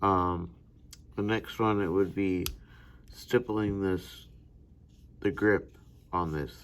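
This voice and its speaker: An American man, a gunsmithing student, giving an unhurried instructional demonstration with frequent hesitations. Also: low voice, steady tone, slight background noise.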